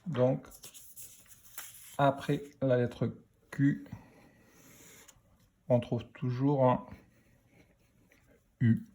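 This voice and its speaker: A man teaching a phonics lesson to children, speaking slowly and deliberately as he spells out letters and sounds. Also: mid-range voice, fairly even intonation, mellow.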